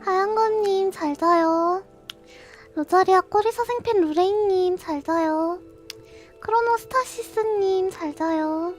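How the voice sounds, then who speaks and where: A woman's voice: very high voice, slow, faint music behind. A young woman streamer chatting casually to her viewers in a cute, sweet anime-streamer manner. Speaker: live streamer signing off.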